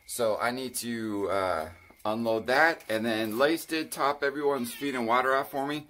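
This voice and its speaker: A chatty man narrates his farm day into a handheld phone, mid-pitched and unhurried. He thinks aloud with fillers as he goes. Faint outdoor noise sits behind him. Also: bright, forceful tone. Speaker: farm vlogger. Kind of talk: casual vlog narration.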